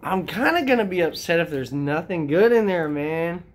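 A casual vlogger opening trading card packs, talking to viewers directly in an excitable, slangy way. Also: medium pitch, moderate pace. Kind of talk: casual unboxing chat.

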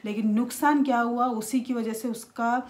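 A woman, talking casually to camera in a halting way with many restarts. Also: on the high side, steady tone, a little mellow. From India. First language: Malayalam. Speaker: vlogger.

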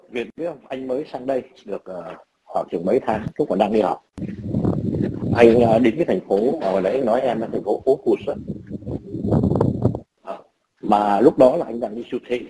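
A man's voice: medium pitch, lively intonation, moderate pace, noisy background. A man in his sixties from Vietnam with a Northern Vietnamese accent, telling blunt, profane stories in casual chat. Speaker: emigrant father.

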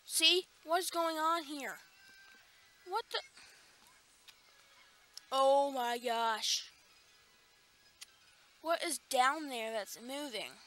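Woman, very high voice, slow unhurried delivery, bright tone, excitable gaming commentary, sudden alarmed outbursts. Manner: excitable, bursts into alarmed exclamations. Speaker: gaming channel host. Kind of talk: let's play commentary.

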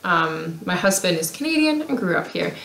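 A woman from Denmark, co-hosting a casual podcast and telling stories in a relaxed, chatty way. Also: lowish voice, moderate pace, gravelly. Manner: relaxed, chatty storytelling with fillers. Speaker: podcast co-host. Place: home craft room, seated with co-host. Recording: roomy echo.

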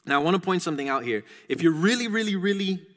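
A man preaches in an emphatic, conversational way, often doubling back on his words. His voice sits a little high and rings out with a long reverb through a church sanctuary. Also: expressive, quick pace, fairly bright tone. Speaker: pastor. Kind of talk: sermon.

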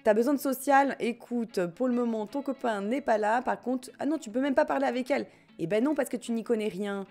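A woman's voice: on the high side, brisk, hardly any pauses, a little mellow, faint music behind. A woman with a French accent chatting casually as she streams a life-sim game and reads her chat, joking and often laughing. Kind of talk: casual gameplay commentary, reading chat.

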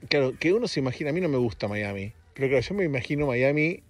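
A man's voice: mid-range voice, animated, fast, soft background music. A man with a Rioplatense Spanish accent and a sleepy-sounding voice, hosting a casual solo podcast in a rambling, jokey, self-mocking way. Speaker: podcast host.

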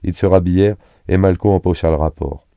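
A man reading a serialized novel aloud in an even, unhurried narration on a close studio mic. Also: deep voice, dry recording. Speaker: audiobook reader.

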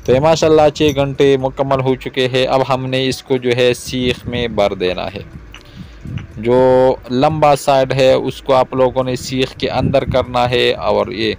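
Cooking host, man, 30s, even mid voice, patient step-by-step explainer, faint outdoor noise. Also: medium pitch, measured pace, gravelly. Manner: calm, repetitive explaining, addresses viewers directly. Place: outdoors in a garden yard.

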